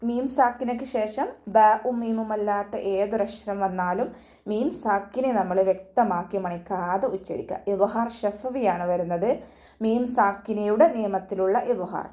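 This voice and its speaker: A woman teaching Quran recitation rules in an online class, patiently correcting pronunciation step by step. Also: dark tone. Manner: chants verses slowly and higher between explanations. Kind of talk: tajweed lesson with slow recited verses.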